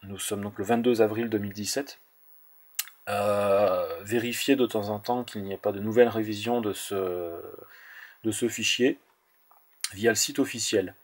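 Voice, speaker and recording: A man's voice: fairly low pitch, fairly even intonation, unhurried. Hesitant man walking through a tech tutorial. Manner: hesitant, many fillers and restarts, repeats "donc". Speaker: tutorial host. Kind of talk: screen-recorded tech tutorial.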